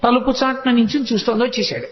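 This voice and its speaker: A man tells devotional stories in a high voice, acting out characters and chanting Sanskrit verses. His voice rings through a large echoey hall with a long reverb tail. The sound is muffled and lo-fi. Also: racing, slight background noise. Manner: acts out voices of characters in quotes. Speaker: religious discourse speaker. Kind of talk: devotional storytelling discourse.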